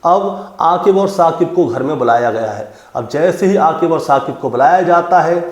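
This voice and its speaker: A man's voice: a little high, lively intonation, normal speed. Hindi man telling a true crime story. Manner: addresses listeners as friends, dramatic retelling. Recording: roomy echo.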